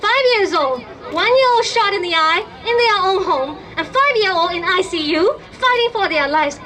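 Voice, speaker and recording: A young woman from Burma addresses a rally crowd in a very high, bright voice. She speaks with fervent emphasis and stresses her key demands. Her delivery is a passionate public speech. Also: expressive, moderate pace.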